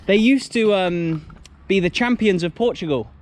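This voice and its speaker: Walking outside a stadium with a handheld camera, a man from England shoots a football travel vlog, full of enthusiasm and frequent exclamations. His voice is high-pitched and his pace moderate.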